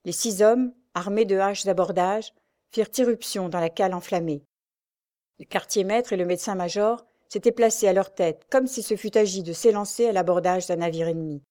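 A woman narrating an adventure novel aloud in a steady, dramatic storytelling voice. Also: mid-range voice, normal speed. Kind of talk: audiobook reading of an adventure novel.

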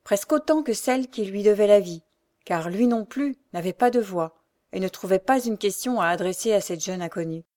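A woman reading a novel aloud as an audiobook narrator, in a measured, dramatic way. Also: medium pitch, expressive, dark tone. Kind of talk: scripted narration.

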